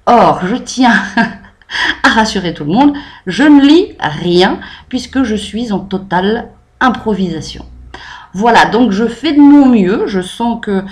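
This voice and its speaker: A woman's voice: a little high, expressive, slow pace. A French woman giving an improvised, chatty book review to camera, with frequent hesitations and fillers.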